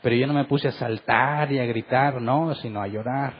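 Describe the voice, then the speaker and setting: A man's voice: medium pitch, moderate pace, slightly rough, highs cut off. A middle-aged man, a pastor, preaching earnestly in a Bible study and asking his listeners rhetorical questions.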